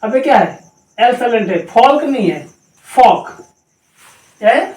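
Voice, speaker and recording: A woman's voice: a little high, lively intonation, brisk, darkish tone, recorded from a distance. A woman teaching a pronunciation lesson, spelling words out letter by letter and asking and answering her own questions. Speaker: English teacher. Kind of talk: slow spelling-out grammar lesson. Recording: echoey room, voice from off-mic.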